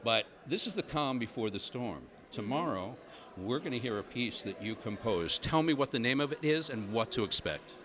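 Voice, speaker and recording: A man's voice: mid-range voice, expressive, normal speed, fairly bright tone, a little hiss or hum. A man hosting an on-location interview, asking upbeat leading questions.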